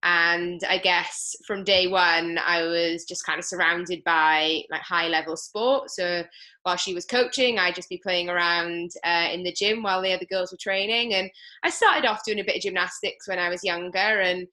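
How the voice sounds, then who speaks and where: A woman's voice: lowish voice, steady tone, moderate pace, pushed and bright. A woman from Swansea with a South Wales accent, talking casually as a guest in an interview. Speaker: podcast guest, elite triathlete.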